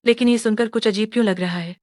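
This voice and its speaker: A woman's voice: fairly high pitch, fast talker, a little mellow, dry recording, close to an everyday voice. A woman playing an earnest determined young doctor. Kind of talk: Hindi dub acting.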